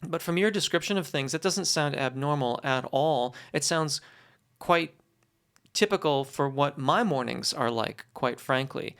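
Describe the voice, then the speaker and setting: Voice teacher answering questions, middle pitch, chatty but careful explaining, really encouraging and reassuring. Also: vocal fry, fairly bright tone, clean tone. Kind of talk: conversational explanatory Q&A.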